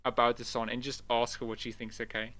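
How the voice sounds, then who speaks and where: A man hosting a casual live stream about games, excitable, swearing often and calling everyone dude. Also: medium pitch, fast talker. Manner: excitable, swears a lot, keeps saying "dude". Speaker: livestream host.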